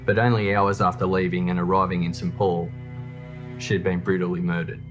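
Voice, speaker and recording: Reading from a script, a man narrates a true crime documentary in a low-pitched voice. His delivery is flat and a little fast, with soft music playing behind him.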